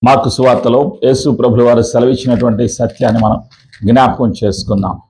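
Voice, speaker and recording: A man preaching a sermon as a pastor in a church, emphatic, with rhetorical questions and slow, repeated phrases. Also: mid-range voice, fairly even intonation, warm tone, poor audio. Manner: drawn-out slow phrases in series.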